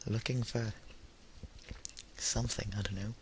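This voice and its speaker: Unhurried and steady, his voice on the low side, a young man records a casual solo audio log for his YouTube channel. He's a high-school student in his teens or early twenties, tired and under the weather, with a dry, self-mocking humour. The home recording is noisy and hissy.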